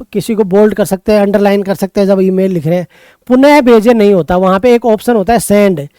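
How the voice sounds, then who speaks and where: Man, tutor, Rajasthani Hindi accent, high voice, dry close sound. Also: darkish tone, clean tone, no room sound. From Rajasthan, India. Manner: brisk quizzing, answers his own questions. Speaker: exam tutor. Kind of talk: exam paper walkthrough lesson.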